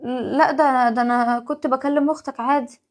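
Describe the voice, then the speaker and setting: A woman's voice: high-pitched, fairly even intonation. A woman with an Egyptian accent playing a put-upon young wife and mother in a family sketch, talking in an exasperated, pleading way. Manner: exasperated, pleading, quick rapid-fire talk. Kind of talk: home-video family sketch acting.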